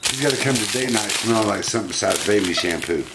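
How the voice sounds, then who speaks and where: A man's voice: fairly low pitch, animated, fast. Guy cooing at his pet monkeys, voice going up and down a lot, noisy home video. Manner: doting, coaxing talk to his monkeys. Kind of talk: casual home video talk to pets.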